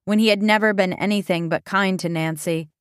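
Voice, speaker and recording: A woman reading an audiobook in a steady, measured storytelling voice on a close microphone. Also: medium pitch, smooth, no room sound. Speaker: audiobook narrator. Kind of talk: scripted narration.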